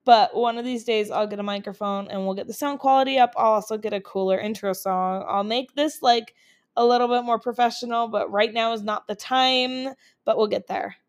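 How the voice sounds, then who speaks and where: A young woman from Utah runs a casual solo podcast on her laptop mic, speaking fairly quickly in a steady tone that sits on the high side. She's upbeat and filler-heavy, her voice not yet over its colds.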